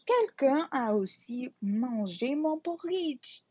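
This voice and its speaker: A woman's voice: sits high, lively intonation, takes it slowly, dark tone, slightly rough, pitched above the performer's own voice, exaggerated voice. A woman voicing an indignant mother bear in a read-aloud storybook. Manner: exclaiming, indignant. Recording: dull lo-fi recording.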